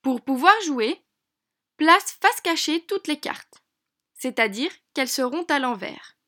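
A woman teacher narrating a lesson for young children in an encouraging, clear way, slowing down on key words. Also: sits high, animated. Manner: bright, encouraging, speaks slowly to a child.

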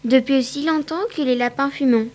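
A woman's voice: high voice, brisk, darkish tone. A woman voicing a timid male rabbit who stammers when frightened, reading a storybook aloud. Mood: nervous.

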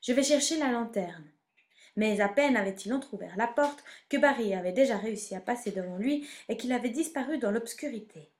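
A woman reading a children's storybook aloud in an expressive, measured way. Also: a little high.

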